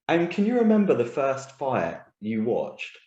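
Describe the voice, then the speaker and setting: A man's voice: mid-range voice, wildly swooping pitch, unhurried, a little mellow, dull audio. A man hosting a podcast interview, introducing segments in an upbeat way. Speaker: podcast host. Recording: echoey room.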